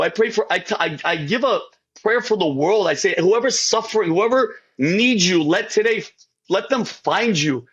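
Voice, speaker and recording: A man's voice: high voice, a bit bright, husky, rough recording. A man giving an emotional faith testimony as a podcast guest, rambling and repeating himself, often calling the host by name.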